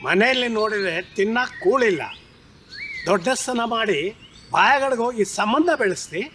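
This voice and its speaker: A man's voice: high-pitched, moderate pace, pushed and bright, a little hiss or hum. An actor playing a scornful village headman who mocks and scolds a poor man. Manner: scolding, mocking.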